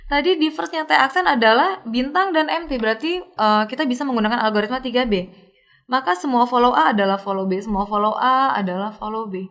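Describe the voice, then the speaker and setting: A young woman with a high voice walks through a worked example in a recorded lesson. She talks in a casual, step-by-step way, often correcting herself mid-sentence. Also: a bit bright. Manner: step-by-step explaining, casual fillers and self-corrections. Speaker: lecturer.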